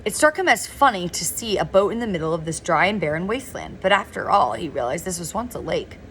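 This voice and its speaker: A woman reading a novel aloud in a relaxed, informal way, now and then stumbling over words and correcting herself. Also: lowish voice, fast. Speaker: reader of a novel. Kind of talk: informal read-aloud narration.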